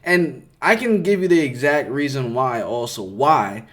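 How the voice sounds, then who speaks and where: A man with a New York accent gives casual commentary to camera as a reaction host. He sounds skeptical and emphatic, leans on repeated words, and keeps his voice at a middling pitch. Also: animated, a little slow, a bit bright.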